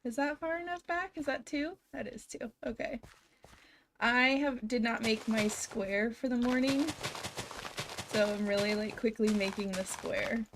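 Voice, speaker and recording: On a casual home stream, a young woman gamer with a fairly high voice speaks in an unhurried way, sounding slightly scratchy and froggy since she's still recovering from being sick. She chats freely, giggles often, and talks to her viewers in chat. A desk microphone captures her.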